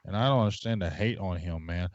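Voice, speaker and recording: A man's voice: deep voice, darkish tone, dry recording. Passionate rambling man, lo-fi. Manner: passionate, rambling, drawn-out fillers. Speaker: podcast co-host. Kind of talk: casual sports talk livestream. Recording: dull lo-fi sound.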